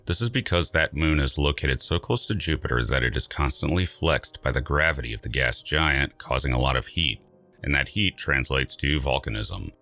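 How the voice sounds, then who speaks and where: A man reading scripted science narration in a measured, emphatic, dryly wry way. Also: rumbling low, expressive, bright, forceful tone, soft background music.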